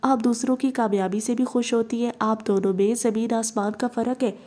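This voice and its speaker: A woman reading the part of a young police officer, speaking calmly, gently and earnestly. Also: on the high side, moderate pace, natural voice. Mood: gentle.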